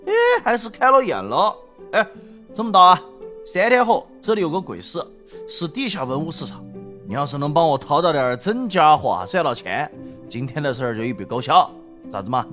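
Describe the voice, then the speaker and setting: Brief: a wheedling Sichuan peddler of fake relics, pitched up high and lively. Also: male voice, fairly quick, soft background music. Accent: Sichuan Mandarin. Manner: loud hawking, sly and wheedling. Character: boastful hawking street antique vendor, middle-aged man.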